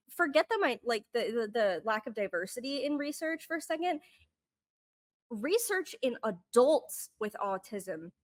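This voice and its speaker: A woman speaking candidly as a podcast guest, rambling and earnest, with frequent restarts and sudden jumps in pitch and loudness.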